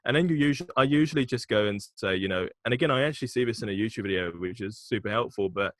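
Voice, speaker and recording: Speaking very fast in a voice on the low side, an agency founder guests on a podcast with no echo. He talks frankly and casually about his marketing work, sometimes laughing and swearing.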